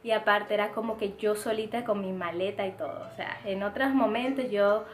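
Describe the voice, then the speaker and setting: A young woman from the Republic, telling a casual storytime in a chatty, expressive way full of fillers. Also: mid-range voice, moderate pace. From Dominican Republic. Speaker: vlogger. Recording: echoey room, faint music.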